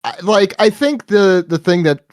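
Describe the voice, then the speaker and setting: A man talking as a guest on a casual podcast, eager and quick to restart his sentences as his voice climbs when he gets excited. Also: high voice, smooth, dry recording, studio quality.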